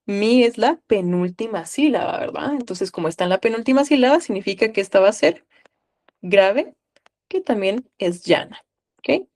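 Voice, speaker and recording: A woman's voice: medium pitch, expressive, normal speed, a little mellow. A woman from Guatemala with a Guatemalan accent, tutoring a live online class and coaxing students with questions.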